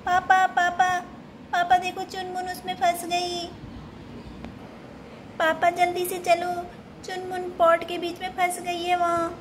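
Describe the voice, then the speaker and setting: A woman's voice: extremely high pitch, monotone, normal speed, noisy background. A woman voicing a bossy older sister doll who scolds and hurries the little one, in a doll-play story. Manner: scolding, impatient.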